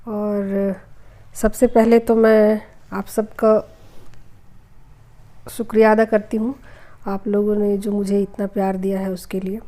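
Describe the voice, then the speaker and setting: A middle-aged woman hosting a spiritual healing channel, telling viewers a personal story in a chatty way, repeating herself and filling pauses with hesitations. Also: mid-range voice, little pitch movement, dark tone. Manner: chatty, repeats phrases, many hesitation fillers.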